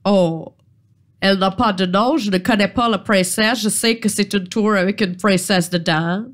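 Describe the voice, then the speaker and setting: A woman's voice: mid-range voice, moderate pace, close to an everyday voice. A woman voicing a prim, polite, well-dressed male troll who keeps a bridge in a tabletop game. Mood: fussy. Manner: fussy, formal and courteous.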